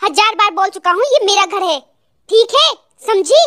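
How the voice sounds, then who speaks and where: A voice actor playing a harsh, domineering young husband in an animated family drama. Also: male voice, extremely high pitch, moderate pace, full character voice. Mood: angry. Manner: harsh, domineering, shouting orders. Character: angry young husband throwing out his mother-in-law. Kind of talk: animated cartoon drama dub.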